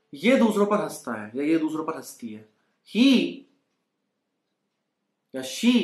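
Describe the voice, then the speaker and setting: This Hindi-English language lesson features a young Indian man with a slightly high, somewhat bright voice, teaching spoken English in Hindi at home. He coaxes learners into repeating his sentences, and the room echoes.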